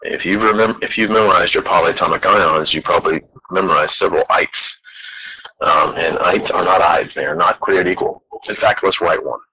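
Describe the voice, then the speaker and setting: A man's voice: low-pitched, normal speed, pushed and bright, breathy edge, dull audio. A man teaching chemistry in a recorded lecture, explaining patiently step by step.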